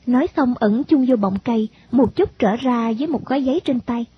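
A woman narrating a story in an even, expressive reading. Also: fairly high pitch, a little fast, slightly rough. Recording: dull lo-fi recording.

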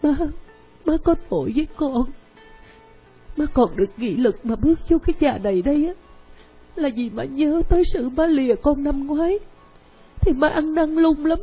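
An actress in a radio drama playing a young mother full of shame who abandoned her child, speaking in halting, breathy phrases. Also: medium pitch, lively intonation, mellow, faint music behind, poor audio. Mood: tearful pleading.

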